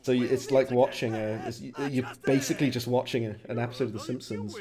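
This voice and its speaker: Talking fast in a warm, steady, mid-range voice, this Welsh man streams games and chats with his viewers, laughing through his commentary. Game music and sound effects play underneath.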